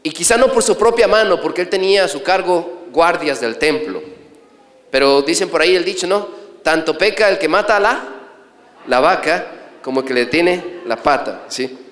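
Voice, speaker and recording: A middle-aged priest preaching a sermon, telling stories and questioning the audience. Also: male voice, fairly high pitch, expressive, normal speed, a bit bright. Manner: storytelling, asks the audience questions. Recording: echoey hall from a distance.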